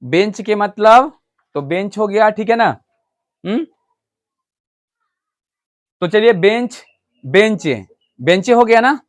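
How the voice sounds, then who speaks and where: High-voiced man teaching a grammar class. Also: animated, slow, long pauses. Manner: explains step by step, often asks students if they understood; switches between loud stressed points and quiet asides to the class. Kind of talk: classroom English grammar lesson. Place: classroom with students.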